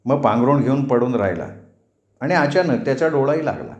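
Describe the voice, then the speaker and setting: A man telling a story aloud in steady, measured scripted narration. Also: medium pitch, reverberant.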